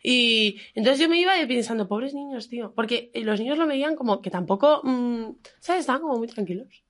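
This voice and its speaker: Lively woman telling a story. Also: a little high, fairly quick. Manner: animated storytelling, acts out voices. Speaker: podcast guest. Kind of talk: casual chat.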